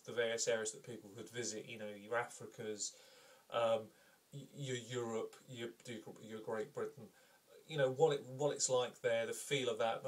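A man's voice: mid-range voice, far from the mic. A man reviewing a game book to camera in a casual, rambling, enthusiastic way.

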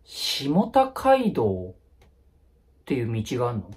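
Husky-voiced man, very animated pitch, quick rough casual comebacks for a comic skit. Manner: quick blunt retorts, rough casual speech. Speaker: comedy YouTuber. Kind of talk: comedic solo skit.

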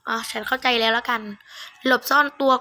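Bright, high-voiced, blunt female gamer. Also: level tone, a little fast. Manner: blunt, mocking, foul-mouthed. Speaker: gamer playing through a horror game. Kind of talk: casual gameplay commentary, reading game text aloud.

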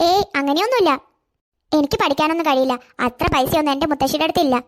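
A woman's voice: sits high, very fast, natural voice. A woman voicing a poor, timid cartoon schoolgirl who talks meekly and stammers. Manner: meek, stammering, tearful. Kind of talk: cartoon voice acting.

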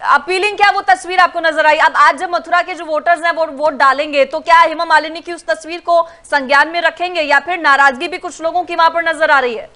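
Bright-voiced woman anchor moderating. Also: very high-pitched, fairly even intonation. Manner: brisk, directing speakers. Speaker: TV debate anchor. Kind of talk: moderating a news debate.

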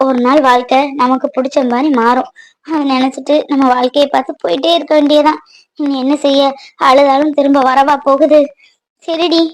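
A woman voicing a caring young village woman in a cartoon, confiding and reassuring in a gentle way. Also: sits high, lightly acted, poor audio. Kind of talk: cartoon voice acting.

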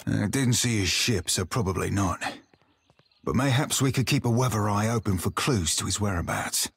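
Loyal pirate sailor, low husky voice, dry close sound. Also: male voice, lively intonation, normal speed, no room sound, exaggerated voice. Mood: earnest. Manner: earnest, salty sailor talk. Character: loyal male pirate crewman confiding in his captain. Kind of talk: video game voice acting.

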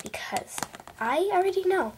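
A teenage girl vlogging to camera, rambling playfully and dropping into whispers between loud bursts. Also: extremely high pitch, expressive, moderate pace, background noise. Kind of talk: casual vlog chat.

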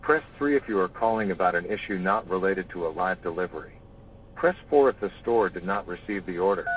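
A man's voice on a recorded phone menu message, reading automated prompts in an even, measured way. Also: deep voice, distant mic, slight background noise. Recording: tinny phone line from a speaker.

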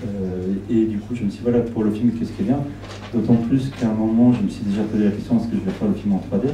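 Fast-talking and mellow, with a lowish voice and fairly even intonation, a middle-aged film director from Argentina takes questions from an audience in a small shop's indoor event room. A native Spanish speaker, he holds a handheld mic and frequently repeats words as he thinks. The camera recording from afar sounds roomy.

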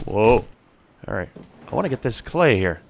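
Male gamer, lively up-and-down delivery, casual gameplay commentary, faint hiss behind. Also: lowish voice, normal speed, gravelly. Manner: chatty, animated, talks to game creatures. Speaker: let's play gamer.

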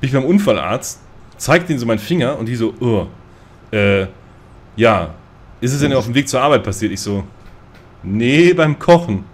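A man's voice: medium pitch, lively intonation, brisk, pauses often. A man casually telling a rambling, self-mocking story in a group voice chat, often laughing at himself. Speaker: gamer on a multiplayer voice chat.

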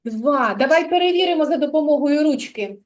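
A woman's voice: sits high, lively intonation, a little fast. A woman teaching a preschool reading lesson, patiently asking a child simple questions and encouraging her. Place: kindergarten classroom.

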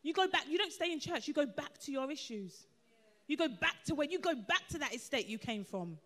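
Woman pastor, 30s; high, sharp delivery with playful asides. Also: a little fast. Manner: lively, laughing asides, acts out quotes. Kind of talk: sermon. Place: church.

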